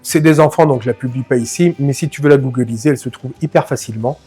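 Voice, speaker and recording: A man hosting a film analysis video, talking casually and speaking straight to the viewer with lively slang. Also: medium pitch, fast talker, breathy edge, soft background music. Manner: familiar, addresses the viewer directly, lively slang. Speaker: film channel host.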